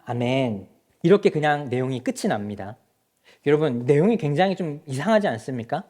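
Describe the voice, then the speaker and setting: A man's voice: fairly high pitch, animated, fairly quick, darkish tone. A male pastor preaching a sermon in a church, speaking straight to the congregation with rhetorical questions. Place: church sanctuary.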